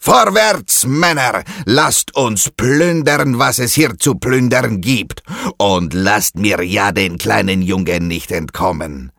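A man voicing a fearsome pirate captain who shouts orders in a children's audio story. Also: lowish voice, lively intonation, slow, gravelly, no echo, clean studio sound, exaggerated voice. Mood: commanding. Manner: barking loud orders. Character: fearsome male pirate captain, gruff bully.

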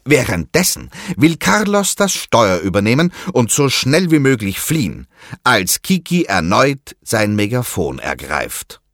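A man narrating a children's audio story in an expressive storytelling manner. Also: mid-range voice, a little slow, no room sound, studio quality.

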